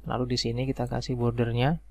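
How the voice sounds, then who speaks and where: A man calmly walking through a spreadsheet tutorial step by step, with frequent "nah" and "oke" fillers. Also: medium pitch, fast talker, dry recording. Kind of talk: screen-recorded software tutorial.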